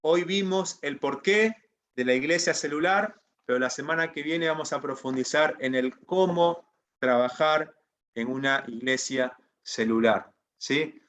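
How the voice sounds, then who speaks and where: A man's voice: fairly high pitch, measured pace, a bit bright. A man teaching a Bible institute class over a video call, in a preacherly manner that keeps asking students to agree. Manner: preacherly, asks the class for assent. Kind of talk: online class lecture.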